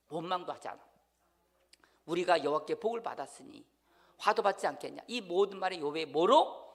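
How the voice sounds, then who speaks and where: A man preaches in a church, his voice high and gravelly with lots of fry. He swings from ringing exhortation down to near-whispered asides and keeps asking the congregation questions. The sound carries a long hall reverb. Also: bright, forceful tone. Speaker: pastor. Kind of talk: sermon. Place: church sanctuary.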